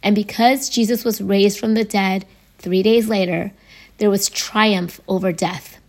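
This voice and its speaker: A young adult woman hosting a faith podcast, her voice hoarse and raspy from laryngitis, talking in an earnest, conversational way. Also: medium pitch, steady tone, unhurried, a little mellow. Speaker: podcast host.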